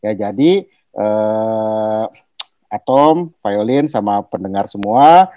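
A man's voice: on the low side, takes it slowly, highs cut off. A middle-aged man, a medical specialist, explaining a health topic on a podcast with homely analogies and frequent hesitations. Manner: explanatory, uses everyday analogies and sound words; many hesitations and restarts. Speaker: guest doctor, internal medicine specialist.

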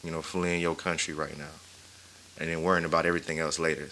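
A man's voice: extremely low pitch, little pitch movement, quick pace, bright, forceful tone, a little hiss or hum. A man co-hosting a podcast, backing up his partner and then speaking at length in an encouraging, preachy way. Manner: supportive, affirming, preachy at length. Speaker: podcast co-host. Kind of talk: casual chat.

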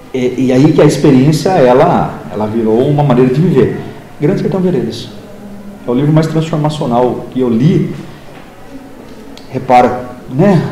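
In a casual interview, a man in his fifties who teaches literature and comes from the interior of São Paulo state, Brazil, tells stories with lively energy, performing dialogue in different voices. His pitch is medium, with slight background noise and a roomy, echoing room sound.

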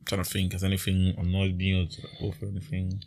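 A man's voice: low-pitched, completely flat delivery, fast talker, a little mellow, no room sound, clean studio sound. A young man with a London roadman accent, chatting casually as a podcast host in slangy street talk. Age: young adult.

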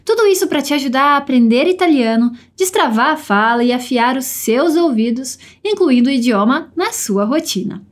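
A woman with a Brazilian Portuguese accent teaching a podcast language lesson, upbeat and encouraging, slowing down to model pronunciation. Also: high-pitched, lively intonation.

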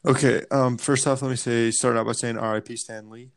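A man co-hosting a casual podcast, slow and hesitant with many ums, quick to joke. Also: mid-range voice, fairly even intonation, creaky, clear, resonant tone. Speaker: podcast co-host.

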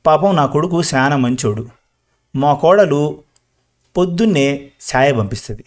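Man playing talkative old village granny, slow and rambling, storybook. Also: a little high, lively intonation. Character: chatty old village grandmother, talkative and proud. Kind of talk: storybook reading.

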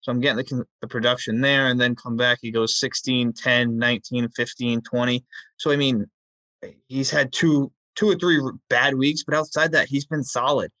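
A male podcast co-host talking through fantasy football picks. His voice is bright and clear against a dry, close background. He lists numbers in an easygoing flow. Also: mid-range voice, steady tone, normal speed, no echo, poor audio. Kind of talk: casual fantasy football chat.

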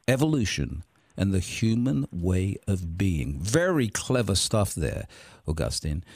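A man hosting a radio interview show, slightly hoarse, praising his guest effusively. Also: lowish voice, darkish tone, dry recording.

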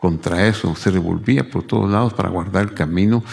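A man's voice: low voice, a little fast, creaky, darkish tone. A man preaching a teaching sermon, repeating key phrases and asking rhetorical questions. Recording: long hall reverb.

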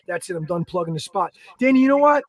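A man, co-hosting a podcast in energetic, rambling casual chat. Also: high-pitched, quick pace. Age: 30s. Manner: energetic, rambling, plugs products. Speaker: podcast co-host.

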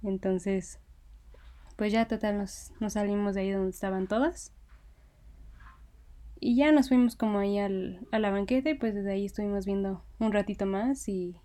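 A young woman with a Mexican Spanish accent casually telling a story, excited, laughing often and using many fillers. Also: mid-range voice, moderate pace.

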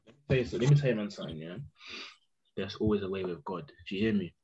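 A man's voice: sits low, expressive, racing, lo-fi sound, crowd noise. A young man with a London roadman accent, telling things emphatically in casual, slangy banter.

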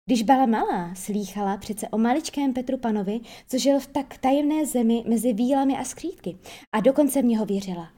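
A woman reads a children's storybook aloud, lively and storytelling. Her voice is soft and mellow, sitting a little high, and she now and then trips over a word. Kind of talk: storybook reading.

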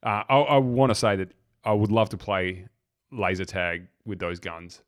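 A man co-hosting a casual film podcast, relaxed and hesitant with many fillers. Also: lowish voice, normal speed. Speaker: podcast co-host.

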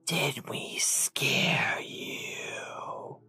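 A man's voice: extremely slow, pushed and bright, exaggerated voice. Hissing shadow creatures, as a man whispers them. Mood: taunting. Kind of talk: storybook narration.

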